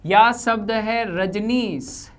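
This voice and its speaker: Lady teacher walking thru grammar at the board, slow and careful, says each key term twice. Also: mid-range voice, smooth. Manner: deliberate, repeats key terms while pointing at examples. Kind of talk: classroom explanation at a board.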